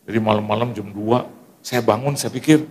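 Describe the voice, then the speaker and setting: A middle-aged man from Manado preaching a sermon in a lively storytelling style, with asides to the congregation. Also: on the low side, normal speed, slightly rough. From Manado, Indonesia. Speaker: pastor.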